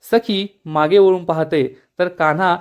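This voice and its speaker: A man's voice: high-pitched, fairly even intonation, measured pace, clean tone. A man retelling a TV serial episode as a plain, storytelling narration. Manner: plain storytelling narration, reads out the characters' lines.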